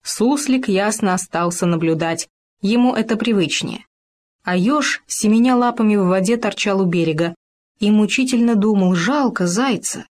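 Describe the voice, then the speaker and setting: A woman narrating a children's animal tale in a lively, expressive way. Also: mid-range voice, normal speed. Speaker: storyteller. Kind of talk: storybook narration.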